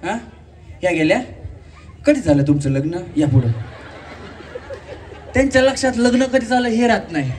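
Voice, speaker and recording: A man hosting a live game show on an event stage, teasing contestants and shouting rhythmic game calls. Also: high-pitched, expressive, moderate pace, long pauses. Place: community event stage with audience. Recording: distant mic, faint crowd and noise.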